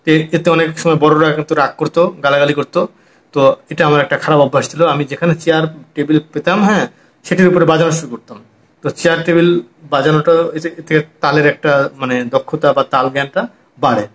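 A man teaching a harmonium and rhythm lesson, talking casually and counting beats aloud slowly. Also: a little high, fairly even intonation. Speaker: music teacher.

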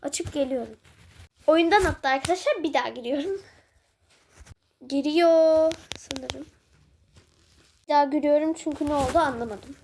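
A woman hosting her gaming channel, talking fast and excitedly while she plays, with frequent giggles. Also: high-pitched, slight background noise. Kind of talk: casual game commentary.

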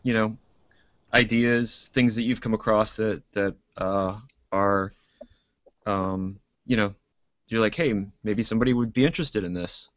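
A man in his thirties chatting as a guest artist, halting and full of fillers. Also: lowish voice, a bit bright, no room sound. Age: 30s. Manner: hesitant, lots of fillers. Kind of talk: casual chat on a video call. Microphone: video call. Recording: lo-fi video call audio.

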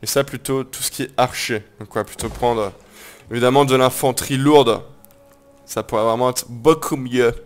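A man's voice: mid-range voice, steady tone, normal speed, soft background music. A man giving casual let's-play commentary on a strategy game, joking around, coining silly made-up words and swearing now and then. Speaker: gameplay commentator.

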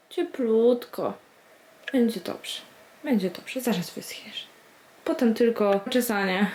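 High-pitched woman vlogging at home, slow and sing-song, baby-talking her dog. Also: echoey room, slight background noise. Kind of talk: casual home vlog.

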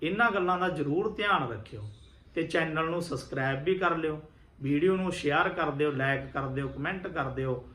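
A man's voice: a little high, moderate pace, a bit bright, roomy sound. A man, a Sikh religious teacher, giving earnest instruction to viewers and repeating key points.

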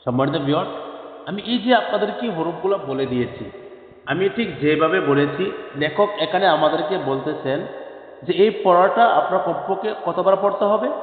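A man from Bangladesh teaching a Quran reading lesson, drawing out and singing each letter name twice. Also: high-pitched. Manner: slowly drawn-out, sung letter names repeated twice. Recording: phone-like audio with long echoey reverb.

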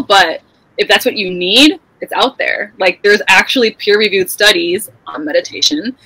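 A woman speaking as a podcast guest in a candid, animated way, with casual swearing. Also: lowish voice, low-quality recording.

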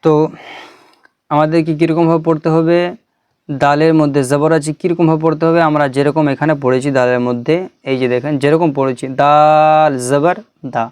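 Male teacher, patient video lesson, a little high-pitched and smooth, explains one step at a time. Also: flat delivery, darkish tone, dry recording, studio quality. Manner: slow, drawn-out recitation of letter drills. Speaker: Quran reading teacher.

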